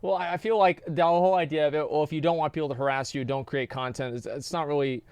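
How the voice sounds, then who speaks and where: A male streamer chatting casually and reading out donations, rambling and restarting his words as he goes. He talks fast with a smooth, clear voice. The sound is dry and close. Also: on the high side, steady tone, a little mellow, dry recording. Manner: rambling, hesitant, repeats words.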